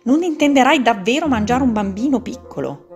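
A woman voicing a gigantic hippo in a storybook reading, shocked and indignant, with soft music behind. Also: a little high, lively intonation, fairly quick, voice pushed up, lightly acted.

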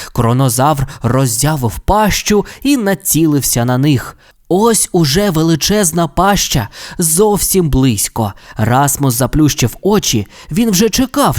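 A man narrating a children's audio fairy tale with expressive, animated storytelling. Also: on the high side.

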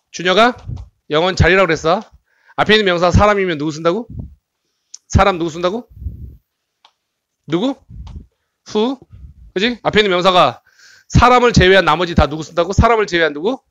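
At a cram school, a man teaches English grammar for exam prep, reading and translating English sentences and checking on students with tag questions. His voice is high and a bit bright, recorded dry with a lo-fi sound.

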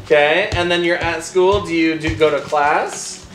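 A man's voice: fairly high pitch, steady tone, normal speed. A man running a family question-and-answer chat and coaxing answers with questions. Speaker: parent asking family Q&A questions. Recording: roomy room with music behind.

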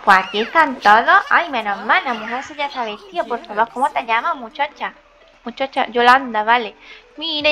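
A woman gives a chatty let's play commentary. She speaks affectionately to the characters on screen. Her voice is high and bright, with faint music playing underneath. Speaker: gaming channel host.

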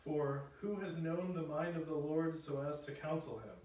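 A young adult man reading scripture as a lector in a solemn, measured, formal way, in a chapel. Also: a little high, fairly even intonation, a little mellow. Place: small chapel indoors. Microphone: picked up from afar. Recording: echoey chapel, distant microphone.

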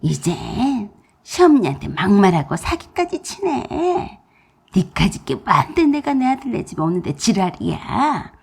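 A bossy old mother-in-law, nagging and contemptuous, in a radio-play story, as a woman narrator puts her on. The voice swings widely in pitch and has a gravelly, husky edge. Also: big pitch swings, a little slow, a little mellow, full character voice. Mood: scornful. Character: scolding older mother-in-law, bossy and scornful.

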